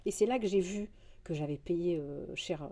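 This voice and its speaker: A young French woman, chatting casually through a grocery haul vlog, rambling and quick to get indignant. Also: lowish voice, mellow. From France. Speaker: vlogger.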